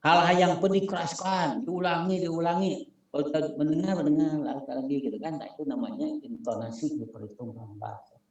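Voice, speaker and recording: A man's voice: fairly high pitch, brisk, darkish tone. Man lecturing with Sundanese accent, echoey. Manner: repetitive, emphatic, spells out acronyms. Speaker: instructor. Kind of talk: classroom lecture. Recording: echoey room.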